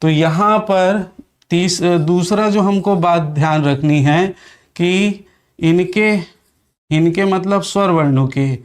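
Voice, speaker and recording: Male grammar teacher, fairly high voice, slow measured delivery, dictating and repeating for students. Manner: asks the class questions and answers them. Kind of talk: Hindi grammar lesson.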